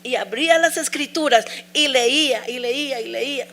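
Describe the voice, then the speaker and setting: A woman's voice: high voice, moderate pace, bright, forceful tone. A middle-aged woman preaching a sermon, sharing an emotional personal testimony with earnest, repeated pleas.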